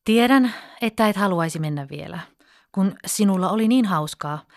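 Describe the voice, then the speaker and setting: A woman voicing a calm, patient mother in a storybook reading. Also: medium pitch, lightly acted. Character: patient mother of a small girl. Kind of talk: storybook character voice.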